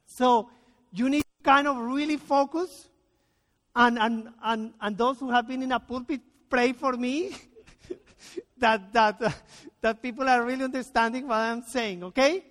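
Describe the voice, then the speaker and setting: A guest preacher from Colombia, a native Spanish speaker, delivers a sermon in a reverberant church sanctuary. His male voice is extremely high-pitched and a bit bright, and he reads scripture slowly and deliberately, with earnest emphasis.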